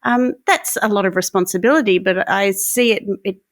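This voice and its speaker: A woman's voice: mid-range voice, a little fast, no echo, clean studio sound. A woman hosting a podcast who asks long, winding, admiring questions. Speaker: podcast host. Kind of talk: interview conversation.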